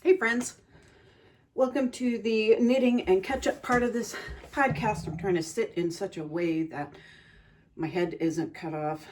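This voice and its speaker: A woman hosting her own podcast, chatting in an unhurried way with frequent ums and pauses, recorded on a phone. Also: medium pitch, fairly even intonation, background noise. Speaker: podcast host. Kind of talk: casual chat.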